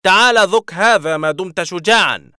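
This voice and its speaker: A furious alien archduke barks commands in a voice pushed far up and very loud, as a man puts him on for a storybook reading. He is pompous and short-tempered. The sound is close and dry. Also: normal speed, clear, resonant tone, dry recording. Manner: shrill, bossy shouting. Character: hot-headed green Martian archduke, pompous and shouting.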